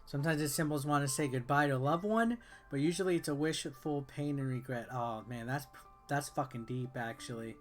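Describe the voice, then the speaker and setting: A brisk, mid-range male voice belongs to a game reviewer and video host. Against game music, he reads game text aloud and comments on the gameplay in a casual, offhand way.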